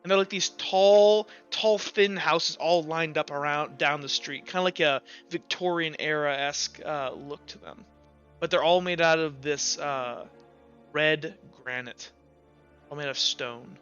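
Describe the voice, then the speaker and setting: Speaking a little slowly in a slightly high voice that is fairly bright and clean, a man improvises as game master of a tabletop roleplaying game. His narration is casual, hesitant and loose, with "like" and "kinda" cropping up often. Music plays behind a dull lo-fi recording.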